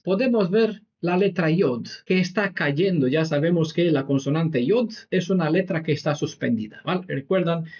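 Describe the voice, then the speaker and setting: A man leads a Bible study class, talking through each point patiently and checking in with his listeners. His voice sits a little high for a man. The recording is dull and lo-fi, with the top end cut off. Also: darkish tone. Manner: explanatory, peppers sentences with "¿vale?". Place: meeting room with a whiteboard.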